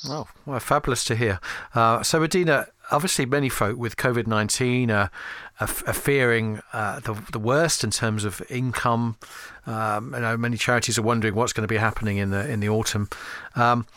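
Male radio host, bright forward tone, polished delivery. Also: mid-range voice, fairly even intonation, fairly quick, no echo. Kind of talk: radio interview.

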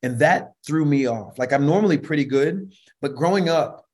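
At a moderate pace, a middle-aged man with a high voice tells relaxed conversational stories as an interview guest; he's a worship leader and vocal producer. His delivery is animated and full of laughter, with frequent restarts and repeated "you know what I mean."

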